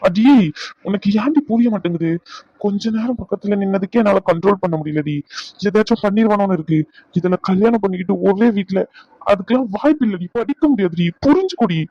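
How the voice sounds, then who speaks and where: A man's voice: high voice, quick pace, no echo. A man voicing a young male doctor who teases and scolds his bride-to-be in a dubbed serial drama. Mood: scolding. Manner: teasing, scolding banter. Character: young male doctor, teasing and bossy lover. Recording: dull dry recording.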